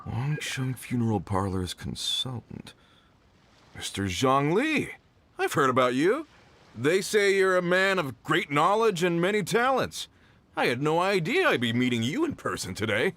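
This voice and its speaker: A man's voice: a little high, sing-song, unhurried, fairly bright tone, no echo. A man playing a boastful, jovial uncle in a video game, with a folksy, bluff, exclamatory way of talking. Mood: impressed. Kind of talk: video game character acting.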